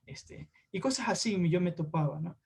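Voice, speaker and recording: A man's voice: sits high, lively intonation, moderate pace, vocal fry, a little mellow, husky. A man teaching an online class, talking in a hesitant way with tag questions to his students. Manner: hesitant, many fillers and restarts, tag questions.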